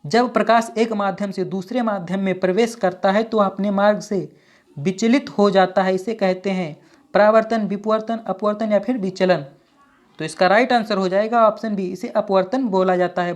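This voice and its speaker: A woman teacher reading out exam questions and options and then giving each answer, with steady, repetitive phrasing. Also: mid-range voice. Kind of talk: exam quiz walkthrough.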